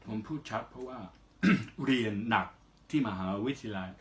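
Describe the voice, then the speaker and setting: Foreigner speaking careful, halting Thai, male. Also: medium pitch, animated. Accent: foreign (Western) accent in Thai. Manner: careful non-native Thai in short halting phrases with polite particles. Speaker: interview guest, singer. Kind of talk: casual interview answers.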